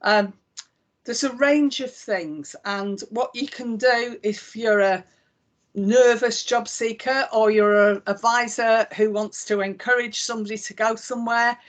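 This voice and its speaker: Her voice is a little high with fairly even intonation, and she takes things a little slowly. She is a chief executive from Northwest England with a Lancashire accent, giving a live website walkthrough and explaining each click in a conversational manner peppered with ums.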